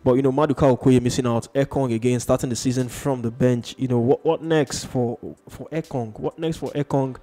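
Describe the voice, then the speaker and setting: A man's voice: mid-range voice, fairly even intonation, fairly quick, few pauses, mellow. A man hosting a casual sports chat, hesitant and full of fillers. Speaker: sports show host.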